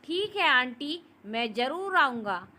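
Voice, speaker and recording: A woman's voice: high voice, big pitch swings, slow pace, bright, forceful tone, exaggerated voice. A woman voicing Karan, a friendly and polite young male student.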